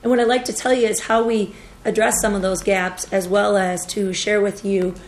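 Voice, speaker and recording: A woman with a cold and a hoarse voice, giving formal testimony to a committee as a deputy director of emergency management, in an earnest, steady briefing style with frequent fillers. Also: medium pitch, normal speed, a little hiss or hum. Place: government committee hearing room.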